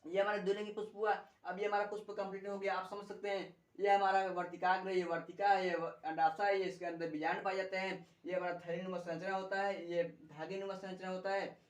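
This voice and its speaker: A woman's voice: medium pitch, little pitch movement, brisk, hardly any pauses. A woman teaching a biology lesson, repeating key terms and asking rhetorical questions as she explains a diagram. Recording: echoey room.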